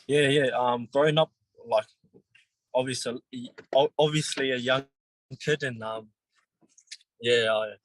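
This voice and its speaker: Answering interview questions, a New Zealand rugby league player in his twenties sounds casual and halting, full of pauses and restarts. His medium-pitched voice keeps fairly even intonation, and the poor-quality audio carries no room sound.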